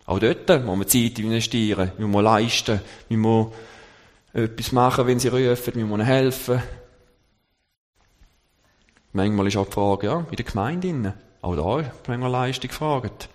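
Guy preaching a sermon, kinda halting, restarts a lot, big echoey church sound. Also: mid-range voice, a little mellow. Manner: halting, searching for words, slowing on scripture quotes. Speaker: lay preacher. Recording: long church reverb.

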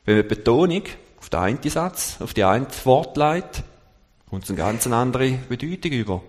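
A man giving a sermon at a halting pace, searching for words and slowing down for scripture quotes. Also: medium pitch, big pitch swings. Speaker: lay preacher. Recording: long church reverb.

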